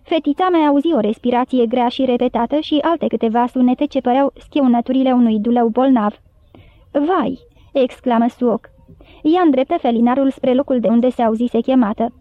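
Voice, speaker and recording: A woman narrating an audiobook with steady, even storybook reading. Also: fairly high pitch, no room sound. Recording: dry, phone-like narrow sound.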